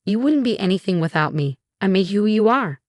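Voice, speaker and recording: A woman's voice: mid-range voice, lively intonation, brisk, no room sound, clean studio sound, close to an everyday voice. Woman reading as an arrogant ex-husband. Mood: bitter pleading. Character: desperate arrogant ex-husband, grown man.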